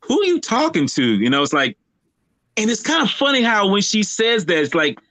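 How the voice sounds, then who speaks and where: Man, casual film chat, bright tense voice, dry close sound, rambling with fillers. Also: high-pitched, sing-song, brisk, no room sound, low-quality recording. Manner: rambling, many fillers and restarts. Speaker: podcast co-host.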